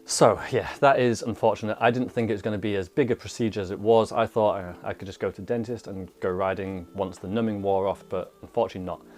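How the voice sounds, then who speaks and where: A man's voice: fairly low pitch, fairly even intonation, fast, hardly any pauses, a little mellow. A man chatting casually to his vlog viewers, speaking slightly thickly as if the inside of his mouth is swollen. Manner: informal, chatty. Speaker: vlogger, mountain bike trials rider.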